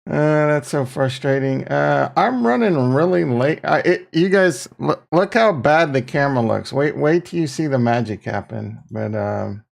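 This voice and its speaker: A man hosting a livestream in casual, rambling, self-deprecating slangy chat, with a gravelly morning voice. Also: on the high side, expressive, moderate pace, hardly any pauses. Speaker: livestream host.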